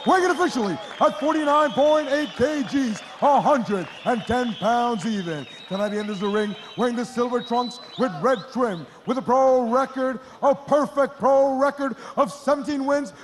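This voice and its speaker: A man announcing a boxing bout formally, with a drawn-out, booming showman delivery like a lucha libre announcer. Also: slight background noise. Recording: long hall reverb over arena PA.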